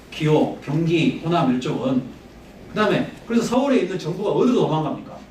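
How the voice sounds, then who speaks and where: A man's voice: fairly high pitch, a little mellow, a little hiss or hum. A man giving a public history lecture, chatty and conversational, often putting questions to his audience. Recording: echoey hall, mic at a distance.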